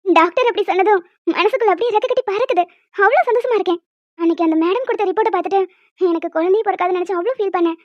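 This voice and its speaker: A woman's voice: extremely high pitch, racing, no room sound. A woman voicing an emotional young wife in a cartoon, earnest and heartfelt, near tears. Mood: overjoyed. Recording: dull dry sound.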